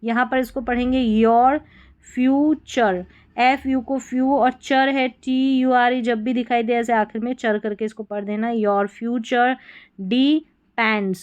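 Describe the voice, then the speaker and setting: Slow, clear woman teaching English reading. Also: on the high side, steady tone. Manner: spells words letter by letter, then sounds them out. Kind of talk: slow word-by-word reading lesson. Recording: slightly dull lo-fi recording.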